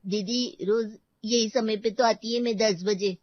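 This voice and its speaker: A woman's voice: a little high, fairly even intonation, unhurried, no room sound. A woman voicing a timid housemaid who answers meekly, for a cartoon story. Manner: meek, apologetic. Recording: dull lo-fi voice track.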